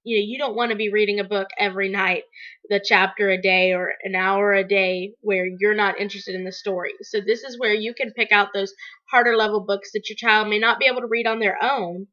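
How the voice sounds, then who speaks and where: A woman's voice: mid-range voice, fairly even intonation, brisk, sharp tone. A middle-aged woman talking casually to viewers as a parent, explaining advice with everyday examples in a slightly dull lo-fi recording. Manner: conversational, explanatory, illustrating with examples. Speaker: parent giving tips in a video.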